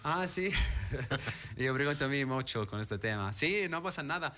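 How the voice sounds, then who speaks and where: Medium-pitched, expressive and sharp in tone, with a little hiss or hum present, this man speaks as a casual interview guest. Arabic is his native language, and his accented, non-native speech comes haltingly, often pausing.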